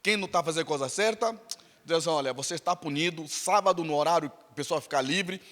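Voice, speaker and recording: Brazilian male pastor, high bright voice, emphatic sermon delivery, echoing church hall. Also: brisk. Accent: Brazilian Portuguese. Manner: emphatic, repetitive preaching delivery. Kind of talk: sermon with storytelling. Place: church sanctuary.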